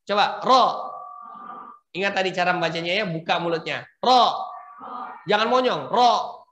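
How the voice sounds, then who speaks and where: A man teaching Quran recitation rules to a class of women, patiently prompting them and demonstrating slow, drawn-out recitation. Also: sits high, fairly bright tone, lo-fi sound, a little hiss or hum. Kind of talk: tajwid lesson for women. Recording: echoey room.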